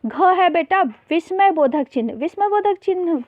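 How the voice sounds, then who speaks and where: A woman's voice: extremely high pitch, lively intonation, moderate pace, dry recording. A woman teacher patiently explaining a worksheet lesson to young children, often calling them beta, mixing in English words. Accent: Hindi, mixing English terms. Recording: tinny phone-like voice-over.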